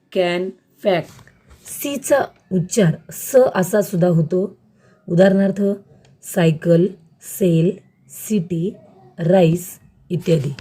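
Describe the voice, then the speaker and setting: A woman teacher giving a school lesson on letter sounds, slow, careful and word by word. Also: lowish voice, dark tone.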